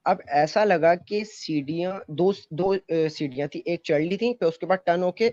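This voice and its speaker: Here a man with a high-sitting, darkish voice rambles through a personal anecdote at a moderate pace, stopping and restarting often amid many fillers. There's no echo; the close mic is dry, muffled and dull.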